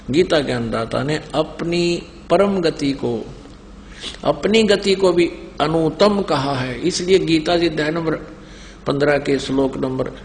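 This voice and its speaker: Male preacher, higher-pitched and gravelly, quoting scripture by chapter and verse, long hall echo. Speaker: spiritual preacher. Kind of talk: sermon. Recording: long hall reverb, faint noise.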